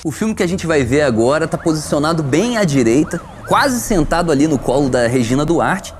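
A sardonic Brazilian panel presenter. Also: male voice, on the high side, sing-song, fairly quick, noisy background. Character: smug male presenter of a film-review panel.

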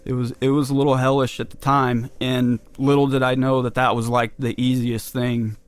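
A man's voice: medium pitch, little pitch movement, moderate pace, smooth, no room sound. A man from California, a military veteran, recalling his service in a loose, conversational way full of casual fillers. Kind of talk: casual recollection.

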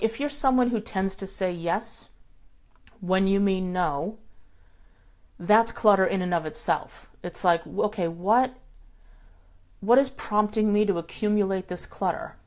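Middle-aged woman chatting live, answering comments, lowish voice, lots of ums and restarts. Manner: chatty and relaxed, with frequent fillers and restarts. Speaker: host. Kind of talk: casual live talk answering viewer comments.

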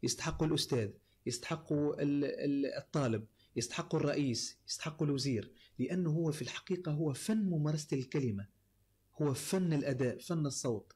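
A man's voice: on the high side, fast talker, dark tone, slightly rough. A man with a Tunisian accent, a voice-over artist speaking as an interview guest, explaining his craft point by point with many fillers. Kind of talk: casual interview talk.

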